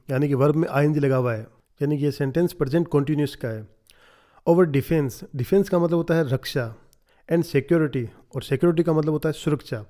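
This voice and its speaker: A man with an Indian accent teaching English from a newspaper. He drags out each English phrase, then rattles through the meanings. His voice is mellow and a touch high. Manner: reads English phrases slowly, then explains quickly. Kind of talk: newspaper reading lesson with translation.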